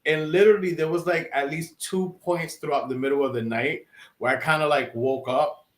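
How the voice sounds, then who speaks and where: A man co-hosts a casual podcast, his voice sitting a little high as he rambles with excitement through restarts and fillers. The room around him carries a noticeable echo. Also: normal speed. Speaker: podcast co-host. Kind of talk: casual chat.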